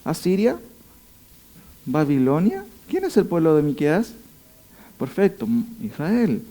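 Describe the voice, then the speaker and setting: A man leads a Bible study in a high, mellow voice. He leans hard on key words and keeps asking his listeners rhetorical questions. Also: huge pitch swings, takes it slowly. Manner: emphatic, rising to stress points. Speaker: Bible teacher. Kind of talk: expository Bible teaching.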